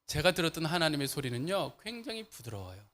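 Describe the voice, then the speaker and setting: A man preaching a sermon as pastor, asking the congregation questions and answering them, moving between loud fervor and soft, lowered speech, with frequent laughs. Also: very animated, quick pace. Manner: laughs often while preaching. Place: church sanctuary.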